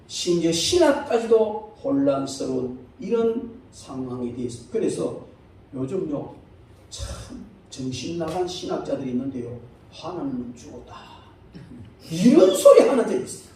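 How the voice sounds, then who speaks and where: High-voiced pastor preaching in an echoey church. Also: male voice, very animated, moderate pace, recorded from a distance. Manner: emphatic preaching, swinging between loud high exclamations and low quiet asides. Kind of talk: sermon. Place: church sanctuary. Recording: echoey church hall, speaker away from the mic.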